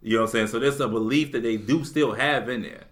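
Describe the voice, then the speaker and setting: A man's voice: medium pitch, fast, fairly bright tone. A young man co-hosting a podcast in casual chat, rambling with restarts and laughing often. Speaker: podcast co-host.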